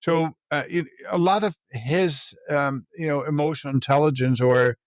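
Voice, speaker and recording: A man from the Netherlands, a coach and mentor, telling his life story in a podcast interview in an earnest, halting way with frequent restarts. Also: fairly high pitch, no room sound, clean studio sound.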